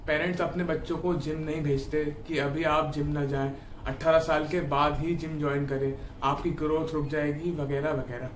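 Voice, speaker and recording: A man's voice: a little high, little pitch movement, normal speed, slight background noise. A man in his twenties from India, giving earnest, encouraging fitness advice straight to the camera from a small room at home. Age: 20s. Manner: earnest, encouraging, addresses viewers directly. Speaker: fitness YouTuber. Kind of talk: casual advice talk to camera. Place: small indoor room at home, seated on a bed. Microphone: camera a few feet away. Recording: echoey room audio from a distant camera mic.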